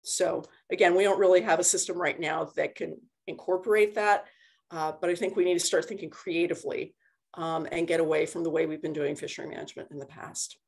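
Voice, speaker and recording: Brisk and steady, with vocal fry and a slightly mellow quality, a woman's low voice delivers an informal lecture by video call on a computer microphone. The university lecturer presents slides and answers conversationally, leaning on everyday analogies.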